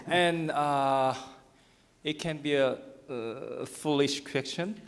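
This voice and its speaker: A man's voice: medium pitch, extremely slow, vocal fry. A man with a Korean accent asking questions from the floor of a large hall, in hesitant, repetitive phrases. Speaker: audience member asking questions. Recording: echoey hall with long reverb.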